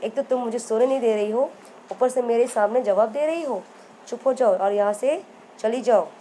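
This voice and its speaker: A woman voicing a male lion, king of the jungle, who shouts loud, bossy threats in a storybook tale. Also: fairly high pitch, moderate pace, slight background noise, close to an everyday voice, rough recording. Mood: furious.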